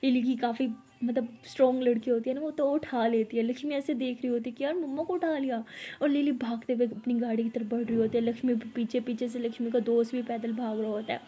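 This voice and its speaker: A woman's voice: fairly high pitch, fairly even intonation, fast, warm tone, slightly rough. A young woman telling a story in a chatty, casual way, with fillers and asides.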